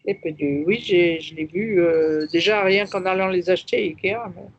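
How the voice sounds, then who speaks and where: A husky-voiced woman on a muffled, lo-fi video call. She is a chatty student who keeps stopping her teacher to repeat the words back. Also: fairly low pitch. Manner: chatty, asks for pauses and repeats words to check them. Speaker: language student. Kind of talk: casual lesson over video call. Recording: dull lo-fi call audio.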